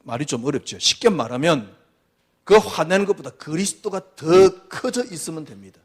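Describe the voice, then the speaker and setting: A male pastor delivering a sermon in a high voice that leaps up and down with great animation. He preaches with emphasis, posing rhetorical question after question. His delivery swings from near-shouts to hushed tones. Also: very animated, moderate pace.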